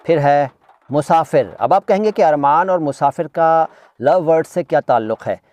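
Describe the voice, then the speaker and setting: A man's voice: on the high side, animated, moderate pace, a little mellow, no room sound. A man teaching vocabulary in a chatty lesson, talking straight to his listeners and repeating each word to drill its pronunciation. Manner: chatty, addresses listeners directly with asides. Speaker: language teacher.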